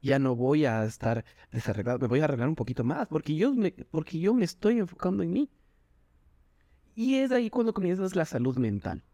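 A man, a doctor and Zumba instructor, talking with animated energy in a podcast interview, acting out quotes in a higher voice. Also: fairly quick, no echo. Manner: animated, jumps in pitch when quoting people. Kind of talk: enthusiastic interview talk.

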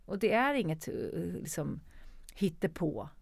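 A woman's voice: fairly low pitch, animated, creaky, breathy edge, dry recording. A woman actor and producer talking candidly in an interview, emphatic and swearing freely.

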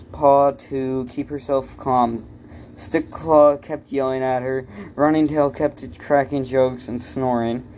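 A man improvising a story out loud, halting, with many restarts and self-corrections. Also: mid-range voice, slight background noise.

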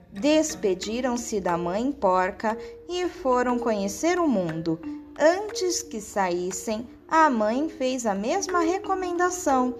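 A woman narrating a children's story in a gentle storytelling manner. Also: a little high.

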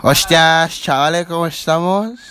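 A man's voice: on the high side, measured pace, a little hiss or hum, voice pushed down. A man voicing a brash, swaggering young guy from Spain, full of mock Spain slang. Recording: loud laughing crowd around.

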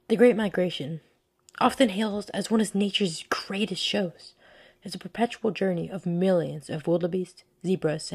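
Husky, low-voiced woman narrating nature documentary. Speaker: podcast host.

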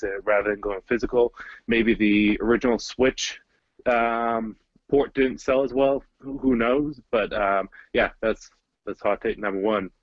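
A man's voice: lowish voice, dry recording, dull audio. A man co-hosting a casual podcast, talking in a chatty, easygoing way. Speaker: podcast co-host.

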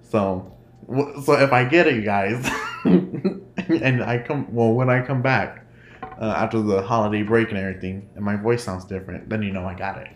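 Rambling and frequently laughing, this podcast host runs a casual solo show in a nasal, low-leaning voice at moderate speed. There's a roomy echo and faint noise in the recording.

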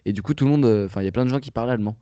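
A man's voice: mid-range voice, very fast, warm tone, no echo, muffled recording. A young man co-hosting a casual chat, talking with many fillers and restarts. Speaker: podcast co-host.

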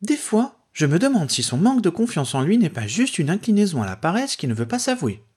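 A clever young woman who corrects her friend with steady patience, as a male reader raises his voice for her. The voice climbs high and swings about, with a husky edge. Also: fairly quick, exaggerated voice. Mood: patient. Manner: raised pitch, patient and sure.

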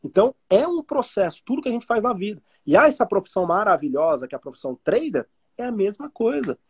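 A man's voice: high voice, sing-song, quick pace, husky. A man with a Brazilian Portuguese accent, a trading teacher chatting casually and explaining through everyday analogies. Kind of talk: casual podcast chat.

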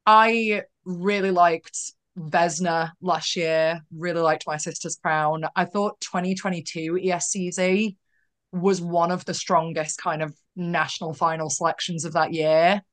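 A woman's voice: fairly low pitch, fairly even intonation, measured pace, fairly bright tone. A woman co-hosting a podcast, talking things through in a thoughtful, conversational way. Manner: thoughtful, conversational, often hedging. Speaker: podcast co-host. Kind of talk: casual podcast chat.

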